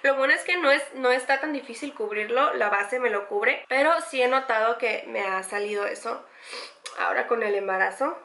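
Chatty young woman, bright echoey voice. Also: a little high, moderate pace. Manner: chatty, enthusiastic, repeats words for emphasis. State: pregnant. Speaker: beauty vlogger. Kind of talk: makeup tutorial.

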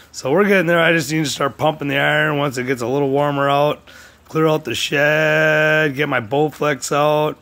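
A man vlogging in a crude, profane rant, swinging between shouting and low muttering. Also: a little hiss or hum. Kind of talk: profane ranting commentary.

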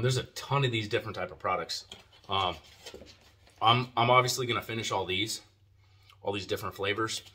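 His voice sits on the low side and sounds pushed and bright, with slight background noise. The man reviews a product in a casual video, laid-back and full of slang and profanity, talking around a lip of dip.

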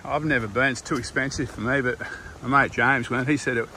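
An older Australian man talks in a laid-back, rambling way, like someone vlogging on a walk. His voice sits at a middling pitch. It is recorded outdoors on a handheld device, with clear wind and ambient noise behind him. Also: fairly even intonation, fairly quick, sharp tone. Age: older, around 60s. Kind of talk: casual walking vlog chat. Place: outdoors on a windy coastal walking path.

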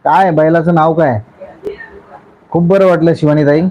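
A man's voice: fairly high pitch, fairly even intonation, moderate pace, dark tone, rough recording. A man from Raigad hosting a casual live stream. He greets commenters one by one in a chatty, effusive way. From Raigad, Maharashtra, India. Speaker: YouTube live-stream host.

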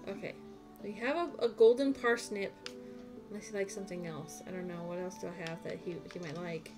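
Over music, a woman with a lowish voice speaks fairly quickly and with fairly even intonation. She's live-streaming a farming game, rambling casually and talking to herself as she plays.

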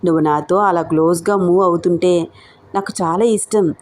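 A woman's voice: lowish voice, steady tone, normal speed, a little mellow, slight background noise, lightly acted. Teasing young lover in an audio story; a woman reads him in her own voice, easy playful delivery.

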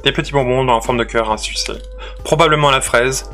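Man, unboxing host, chatty, playful, mid-pitched voice, faint music behind. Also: a little fast, fairly bright tone. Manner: chatty, playful, with hesitant restarts. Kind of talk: casual unboxing commentary.

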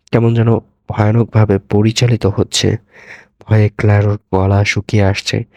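A man narrating a scripted horror story in a measured, dramatic reading. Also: medium pitch, darkish tone, no room sound.

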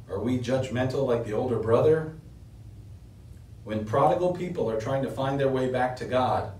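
In a small room, a middle-aged pastor stands at a lectern delivering an earnest sermon, his darkish voice gaining pitch and force on important points. The mic is distant, leaving his voice set back in an echoey room.

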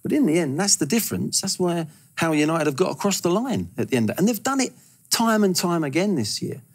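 Older man, husky voice, football pundit, animated, studio lapel mic. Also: on the high side, fairly quick. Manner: animated, gesturing with hands, repeats words when starting. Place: large TV studio.

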